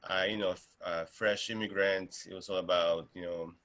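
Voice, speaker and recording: A man's voice: deep voice, steady tone, normal speed, a bit bright. A man in his thirties from Argentina, a guest artist talking casually in an interview, with many fillers and restarts.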